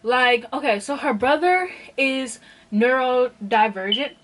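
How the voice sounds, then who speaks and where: A woman with a fairly high voice reviews a book in a casual vlog. She rambles in a chatty, exasperated way, filling her sentences with "like". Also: slow pace, poor audio. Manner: chatty, exasperated, heavy use of filler "like". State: out of breath. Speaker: book vlogger.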